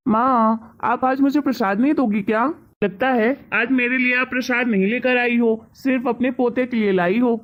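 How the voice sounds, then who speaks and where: A woman voicing a dutiful grown son in a family skit, speaking calmly and soothingly. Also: on the high side, moderate pace, few pauses, lo-fi sound, lightly acted. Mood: placating. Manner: soothing, conciliatory.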